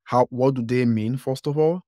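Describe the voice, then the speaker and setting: A man's voice: mid-range voice, normal speed, dark tone, no echo, clean studio sound. A man hosting a podcast, upbeat and casual, with filler words as he asks questions. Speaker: podcast host. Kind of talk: casual interview talk.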